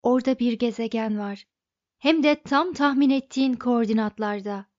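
A woman's voice: a little high, normal speed, no echo, muffled recording, natural voice. A woman voicing an eager young female crew member on a spaceship.

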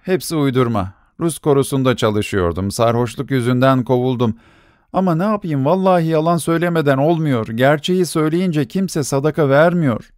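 A man's voice: mid-range voice, brisk, darkish tone, dry recording, studio quality, natural voice. A man voicing a young drunken beggar who pleads and stammers. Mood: confessing.

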